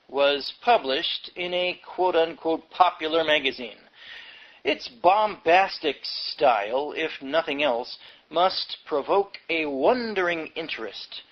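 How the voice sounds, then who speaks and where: A man with a fairly high voice reads a book aloud as an audiobook narrator, with an emphatic, sardonic, wry delivery. The sound quality is lo-fi.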